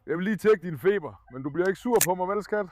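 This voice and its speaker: A young man caring for a sick puppy on camera, earnest with viewers and coaxing softly with the dog. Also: high voice, animated, slight background noise. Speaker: animal caretaker and channel host. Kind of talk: casual vlog explaining care of a sick puppy.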